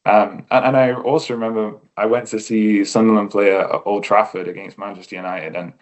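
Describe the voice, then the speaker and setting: A man's voice: on the low side, fairly even intonation, a little fast. An English man as a podcast guest, talking in a thoughtful, easygoing way with fillers and restarts. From England. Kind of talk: casual interview chat.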